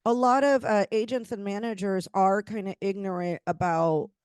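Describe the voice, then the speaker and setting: A woman's voice: mid-range voice, fairly even intonation, normal speed, darkish tone, clear, resonant tone, no room sound, studio quality. A woman hosting a podcast, talking casually with many restarts and fillers. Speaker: podcast host. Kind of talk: casual chat.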